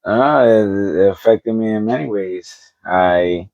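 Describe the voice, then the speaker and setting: A man's voice: on the low side, slow pace, no echo, dull audio. A man from the Bronx, giving short, hesitant interview answers with restarts. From the Bronx, New York, United States. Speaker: interview guest.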